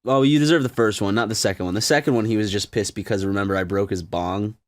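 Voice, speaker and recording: A man's voice: fairly low pitch, fast talker. A man co-hosting a gaming channel, telling absurd stories in a hesitant, stammering way. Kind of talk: improvised banter while gaming.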